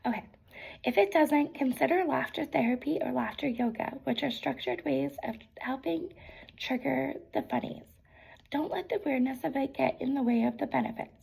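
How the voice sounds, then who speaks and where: A woman with a voice affected by being sick gives a gentle, encouraging whispered ASMR pep talk, reading affirmations aloud with casual asides in an unhurried way. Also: high voice, vocal fry, slightly rough, rough recording. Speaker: ASMR creator.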